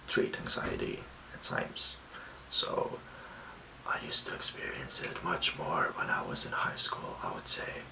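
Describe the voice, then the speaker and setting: A young man from Lithuania, giving soft, reassuring self-care tips in a whispered ASMR talk. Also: a bass voice, creaky, reverberant, far from the mic, low-quality recording. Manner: soft, slow and gently reassuring. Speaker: ASMR host.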